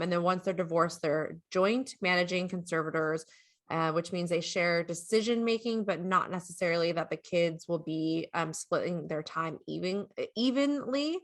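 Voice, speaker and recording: A woman's voice: on the low side, fairly bright tone. A woman co-hosting a true-crime podcast, talking casually and reading out case details with fillers and asides. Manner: conversational, reads legal details with fillers and asides. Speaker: podcast co-host.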